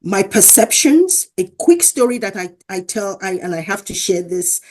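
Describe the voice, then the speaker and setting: A woman's voice: medium pitch, big pitch swings, moderate pace, a little mellow, a little hiss or hum. A woman from Africa, a professor and interview guest, talking earnestly and telling stories in a conversational way. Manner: earnest, acts out quoted dialogue.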